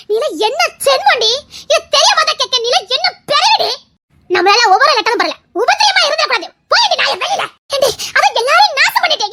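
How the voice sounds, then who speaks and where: A woman's voice: very high-pitched, full character voice. A woman voicing a fierce, protective middle-aged village mother in an audio drama, who scolds, curses and sobs. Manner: scolding, shouting, cursing, sobbing. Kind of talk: Tamil audio drama acting.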